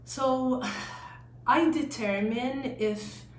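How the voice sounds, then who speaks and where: In an echoey room with faint noise, a woman speaks slowly with a Maltese accent. She gives casual interview answers as a guest, often halting as she begins. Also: sits high. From Malta. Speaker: real estate agent, interview guest.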